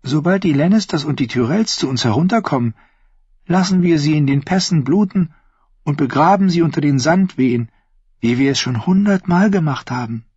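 A man's voice: a little high, animated, moderate pace, a little mellow, slightly rough, no room sound, voice pushed up. A man voicing a sly, sweet-voiced young woman with a lilting, scheming delivery in an audiobook. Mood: sweetly scheming. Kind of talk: audiobook character voice. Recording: dull lo-fi audio.

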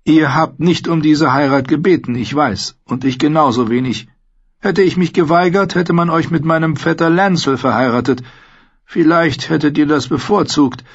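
A man voicing a courteous, rueful nobleman in an audiobook, formal and measured in his speech. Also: on the high side, husky, lo-fi sound, voice pushed up. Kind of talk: audiobook character voice.

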